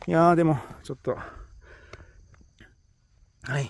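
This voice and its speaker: A travel vlogger with a Kansai accent narrates his own hike on a rocky hillside via handheld smartphone, chatty and full of exclamations as he talks to himself. His voice is a little high and creaky, with fairly even intonation and an unhurried pace. The recording is dry.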